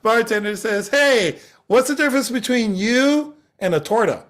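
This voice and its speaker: High, lively man hosting improv. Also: moderate pace. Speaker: improv host. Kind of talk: live improv emcee.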